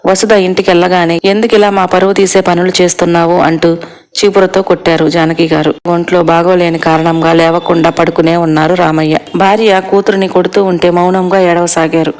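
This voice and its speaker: A steady storyteller narrating a scripted tale. The voice sits in a middling register and stays very flat, with the pitch barely moving from line to line.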